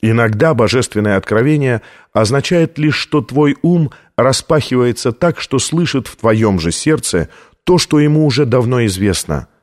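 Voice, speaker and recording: A man reading a calm, patient older father. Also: mid-range voice, normal speed, lightly acted. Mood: explaining. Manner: patient explaining.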